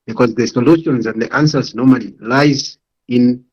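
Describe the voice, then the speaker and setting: A man's voice: mid-range voice, moderate pace. A man moderating an online panel discussion, encouraging and inviting speakers to contribute. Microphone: video call. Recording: muffled lo-fi video call audio.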